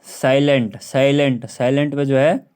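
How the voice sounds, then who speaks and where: Repetitive teacher, drawn-out words. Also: male voice, medium pitch, steady tone, a little mellow. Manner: repeats words over and over, drawn out, with frequent throat clearing. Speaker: English teacher. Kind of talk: classroom lesson on silent letters.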